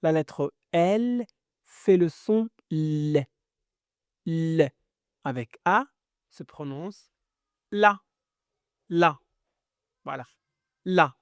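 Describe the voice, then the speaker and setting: Slow patient lady teacher sounding out syllables for kids, lowish voice, dry close mic. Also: darkish tone, no echo. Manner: encouraging. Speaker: reading teacher. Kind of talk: children's reading lesson.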